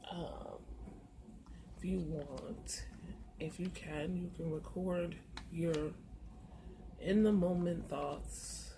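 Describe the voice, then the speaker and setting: A woman with a low voice and a sore throat, who creates tarot and oracle card content, leads a relaxed tour of her first-floor apartment beside a busy street. She frequently stops and fills the gaps with soft hesitations, while the camera mic catches faint street noise.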